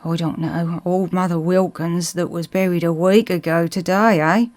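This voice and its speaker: A woman's voice: on the low side, fairly even intonation, moderate pace, darkish tone, lightly acted. A blunt village smith acted by a woman from a storybook ghost tale. He talks in a rustic Suffolk accent, needling and teasing his listener. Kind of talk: storybook character reading.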